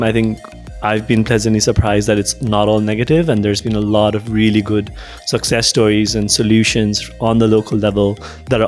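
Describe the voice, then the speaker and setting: Low-voiced young man, thoughtful. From Nepal. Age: young adult. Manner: thoughtful, hedging, many "like" and "um" fillers. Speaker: interview guest, researcher. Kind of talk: casual interview answers.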